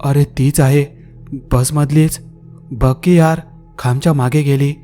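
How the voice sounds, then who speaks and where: A man's voice: medium pitch, steady tone, moderate pace, dark tone, faint music behind, close to an everyday voice. A man voicing a frightened young man who pleads in a shaky, urgent, raised voice. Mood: terrified.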